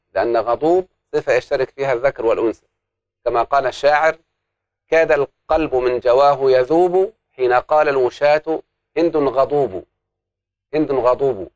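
A man's voice: medium pitch, no room sound. Man teaching grammar, dry sound. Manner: explains step by step, asks the class questions and answers them himself. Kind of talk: classroom grammar lesson.

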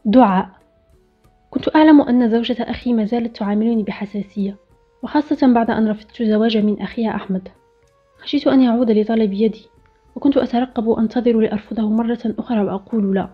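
Quick, bright-toned woman storyteller. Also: on the high side, husky. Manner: steady first-person storytelling read. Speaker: narrator. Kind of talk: scripted story narration. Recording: dull lo-fi recording with faint music.

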